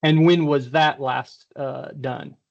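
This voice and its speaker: A man questioning a witness as technical examiner at a hearing, heard over a video call, careful and hesitant, with many pauses. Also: medium pitch, fairly even intonation, vocal fry, highs cut off.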